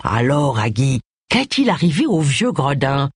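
A woman doing a fragile hungover gentleman. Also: rumbling low, very animated, measured pace, husky, dry recording, clean studio sound, exaggerated voice. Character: hungover aristocratic man, fragile, familiar.

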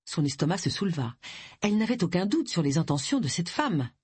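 An audiobook narrator reading a story in an expressive way. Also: mid-range voice, fairly quick, slightly rough, no room sound. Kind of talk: scripted narration.

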